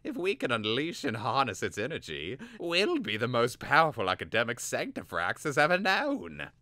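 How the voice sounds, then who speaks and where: A man's voice: mid-range voice, wildly swooping pitch, moderate pace, bright, forceful tone, no room sound, clean studio sound, pitched above the performer's own voice. A man voicing an eager, scheming young male apprentice who talks in a wheedling, tentative way. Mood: gleeful.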